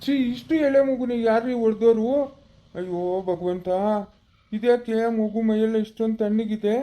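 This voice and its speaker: A stern, brisk hospital doctor, played by a woman in a homemade family drama skit. Her voice is a little high but dark and mellow. She scolds firmly and gives quick orders. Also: natural voice. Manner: brisk, scolding, takes charge.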